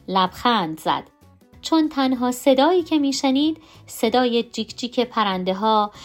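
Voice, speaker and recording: A woman narrating a children's storybook aloud in an expressive, animated way. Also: a little high.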